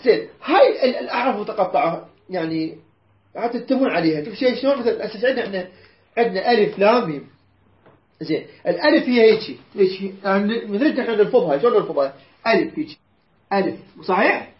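A woman's voice: medium pitch, lively intonation, fast talker. A woman with an Iraqi accent teaching a Quran class, patiently repeating words and quizzing her students. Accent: Iraqi Arabic. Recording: roomy dull lo-fi recording.

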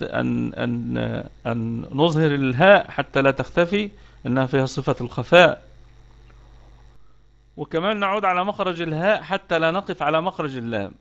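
A man's voice: fairly high pitch, a bit bright, muffled recording. A man with an Egyptian accent teaching Quran recitation rules in an online lesson, explaining step by step and repeating key words.

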